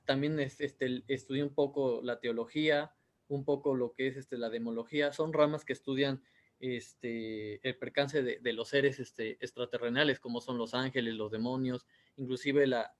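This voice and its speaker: Mexican man in his thirties, rambling. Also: mid-range voice. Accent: Mexican Spanish. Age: 30s. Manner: rambling, many fillers. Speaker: author. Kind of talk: interview.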